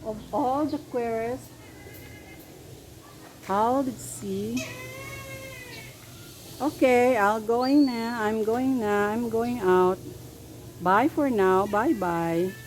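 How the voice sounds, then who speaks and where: A woman vlogger gives a casual tour of an outdoor resort and stops to greet the animals. Her voice sits a little high and she talks slowly and unhurriedly. The phone recording has a lot of background noise. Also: darkish tone. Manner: chatty, talks to the animals, mixes in English. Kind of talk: casual walking vlog.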